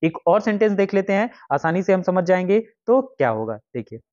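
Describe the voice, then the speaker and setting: A man's voice: high voice, big pitch swings, a little fast, a little mellow. A man teaching an exam-prep grammar lesson, explaining step by step and repeating his own questions as he writes out the examples. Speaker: English teacher. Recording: dull lo-fi lesson recording.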